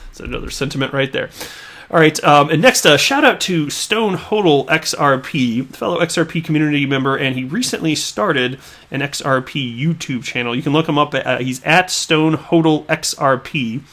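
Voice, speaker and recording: A crypto YouTuber from the American Midwest reads tweets and comments casually on his own channel, chatty, full of fillers, and often repeating his words. His voice is a little high, at normal speed, with a fairly bright tone.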